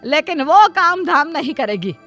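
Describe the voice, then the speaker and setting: A woman voicing a devoted, self-sacrificing middle-aged mother in a cartoon story, with soft music behind. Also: sits high, very animated, measured pace, heavily acted. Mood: defensive.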